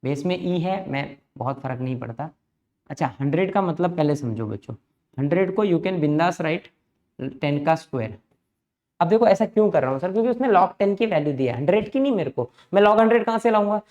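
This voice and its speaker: A man, teaching maths in a brisk lecture and coaxing students through each step. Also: fairly high pitch, animated, dark tone, muffled recording. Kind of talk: lecture mixing Hindi and English.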